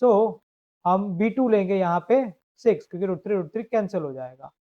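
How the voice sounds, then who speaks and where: A high-pitched man works through a math problem in a live online class, checking step by step that his students follow. The sound is dull and lo-fi, like a compressed stream. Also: lively intonation, fairly quick, warm tone. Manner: explains step by step, asks students to confirm. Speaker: math teacher.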